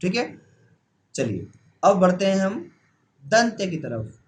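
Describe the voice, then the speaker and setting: A man's voice: high-pitched, sing-song. A man teaching a pronunciation lesson, asking questions and answering them himself, repeating each key term. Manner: slow, repeating key terms. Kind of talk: classroom-style lesson.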